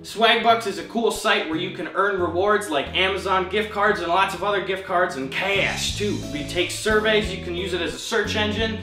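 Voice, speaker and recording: A young man in his twenties hosting a sarcastic mock cooking show, talking with mock cheer and exasperation and yelling at his roommate. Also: sits high, normal speed, few pauses. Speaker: comedy host. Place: small home kitchen. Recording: echoey kitchen with background music.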